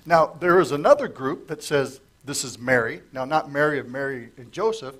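The voice is mid-range and fairly bright, moving at a moderate pace. It belongs to a middle-aged pastor in a church sanctuary, preaching a conversational, verse-by-verse sermon at a lectern microphone and asking his congregation questions. He coughs and is losing his voice.

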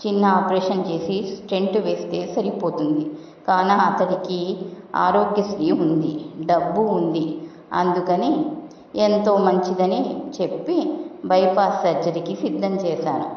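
A woman narrating a short story in the first person, with a steady, even delivery. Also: fairly low pitch. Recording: distant dull echoey hall recording.

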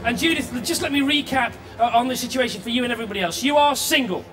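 A man hosting a live TV game show, excitable and bossy, often shouting instructions. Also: very high-pitched, fast talker, a little hiss or hum. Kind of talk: live studio entertainment hosting. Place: TV studio with audience. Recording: loud crowd and music behind.

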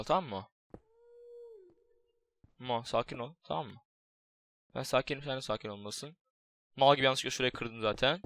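Excitable young man doing game commentary. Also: mid-range voice. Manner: excitable, jokey, swears, talks to his pet. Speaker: gaming YouTuber. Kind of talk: casual Minecraft let's play commentary.

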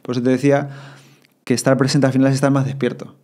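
Appearing as a podcast guest, a man with a Spanish accent from Spain chats casually and quickly, animatedly voicing his own thoughts as if quoting them. His voice is mid-range.

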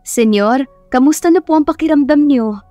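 A woman voicing a gentle, polite young female caregiver in an audio story. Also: high-pitched, normal speed, dry recording, muffled recording, faint music behind, voice pushed up, natural voice. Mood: polite concern.

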